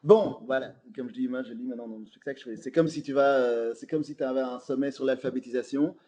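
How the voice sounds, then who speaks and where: On a casual podcast, this Belgian comedian guest spins amusing anecdotes full of laughter and filler words, his accent Belgian French. He talks fast, with a warm, medium-pitched voice.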